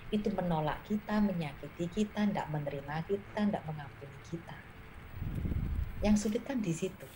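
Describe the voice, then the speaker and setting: A woman evangelist, chatting casually and acting out quoted conversations. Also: lowish voice. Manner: acts out quoted dialogue with children and parents. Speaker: evangelist guest speaker. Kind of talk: casual talk show conversation. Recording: noisy background.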